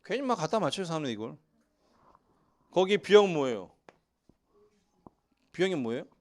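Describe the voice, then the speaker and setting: Here a man's voice, a little high and a little slow, belongs to a Seoul pastor giving a sermon in a church sanctuary. Lively asides and jokes aimed at the congregation run through his preaching.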